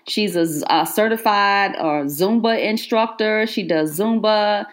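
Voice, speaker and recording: A woman's voice: medium pitch, unhurried. A woman hosting a podcast, interviewing a couple in an encouraging way. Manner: encouraging, warm questioner. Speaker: podcast host.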